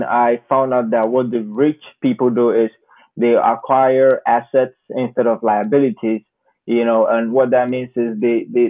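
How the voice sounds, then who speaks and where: A man's voice: medium pitch, dark tone, poor audio. A man, a podcast guest, speaking thoughtfully with frequent hesitations. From Ghana. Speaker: interview guest. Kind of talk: casual interview.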